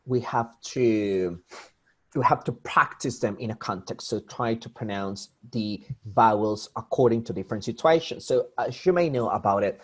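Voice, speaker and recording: In his online lecture, the male English teacher, who has a Spanish accent, talks straight to his students, explaining and frequently starting over. His pitch is medium and he speaks at normal speed.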